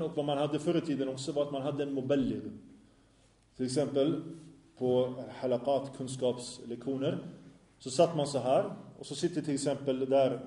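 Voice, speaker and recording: Man, religious teacher, classroom lesson, questions to the students, warm dark tone, roomy echo. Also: mid-range voice. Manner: asks the class questions and answers them himself. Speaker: Islamic teacher. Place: small lecture room. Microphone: microphone in a small room.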